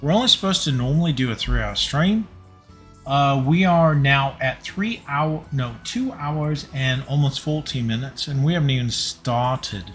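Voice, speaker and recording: A man's voice: mid-range voice, a bit bright. A tipsy man hosting a home cooking livestream, rambling casually and talking to his chat viewers. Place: home kitchen.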